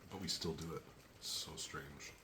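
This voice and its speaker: A man reviewing a hot pepper on his own channel, talking slowly and thinking aloud between pauses while teary and sniffly from the heat. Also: extremely low pitch, fairly even intonation, background noise. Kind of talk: casual solo tasting review.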